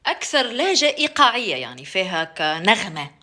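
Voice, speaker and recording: A woman's voice: mid-range voice, very animated, a little fast, pushed and bright. A young woman with a Tunisian accent, chatting playfully to camera and slipping in English phrases. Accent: Tunisian Arabic. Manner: playful, switches to English phrases, mimics other dialects. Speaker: vlogger. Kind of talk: casual talk to camera, ranking dialects.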